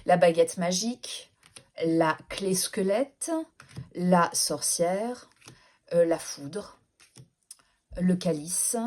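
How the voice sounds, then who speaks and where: A woman's voice: on the low side, a little mellow. A woman, chatting casually as she presents her collection in a vlog, with frequent hesitations and self-corrections. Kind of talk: casual show-and-tell vlog.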